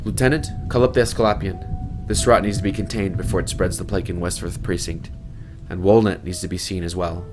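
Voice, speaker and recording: A man's voice: sits low, steady tone, a little fast, music in the background, close to an everyday voice. A man voicing a stern, weary woman captain. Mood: commanding.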